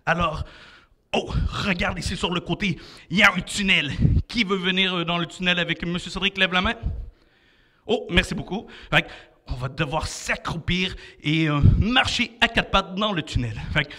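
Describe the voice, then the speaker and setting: High bright energetic Québécois instructor man. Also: moderate pace. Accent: Québécois French. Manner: enthusiastic, coaching, counting down. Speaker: martial arts instructor for children. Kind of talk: energetic kids' adventure workout class.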